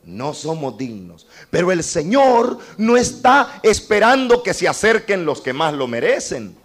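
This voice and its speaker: Man, preacher, sermon, fairly high voice, slow delivery, impassioned, humorous asides. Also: very animated. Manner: addresses the congregation directly as brother.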